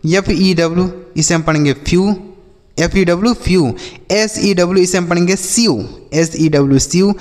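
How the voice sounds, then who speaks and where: A man with a slightly high voice teaches phonics, walking children through each sound and asking them back. His voice rings with a long, hall-like reverb. He talks with patient repetition. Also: moderate pace, a little mellow. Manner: patient, repeats and quizzes the children. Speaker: English teacher. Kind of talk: classroom-style phonics lesson.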